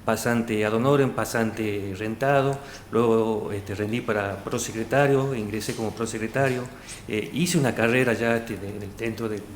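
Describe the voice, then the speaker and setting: With a fairly low pitch, fairly even intonation and a normal pace, this Salta-born man in his thirties answers a formal interview panel in Salta-accented Argentine Spanish. He is hesitant, full of fillers and restarts, recorded in an echoey room with faint background noise.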